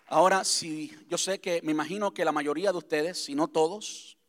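A man speaking as pastor to his congregation in a church, talking conversationally and repeating key points slowly. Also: fairly high pitch, fairly even intonation, a bit bright, a faint crowd. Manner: conversational, repeats himself, slows to spell things out. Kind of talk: church vision address to congregation. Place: church sanctuary.

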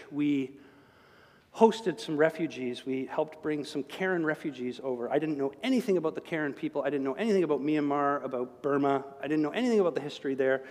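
A male pastor preaching a sermon in a church, talking in a conversational, animated way with humorous asides. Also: a little high. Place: church sanctuary. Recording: long church reverb.

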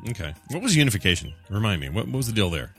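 A man co-hosting a casual talk show, joking and reading out trivia in quick banter. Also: fairly low pitch, very animated, a bit bright, faint music behind. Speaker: podcast co-host. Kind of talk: casual chat.

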